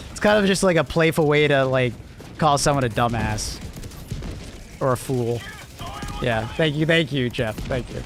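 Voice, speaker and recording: This young Canadian man talks in a mid-range, creaky voice, a little slow and with long pauses, as he chats casually on a live stream. His mild accent is close to American, and his laid-back, rambling style is full of fillers and chuckles. Slight background noise is present.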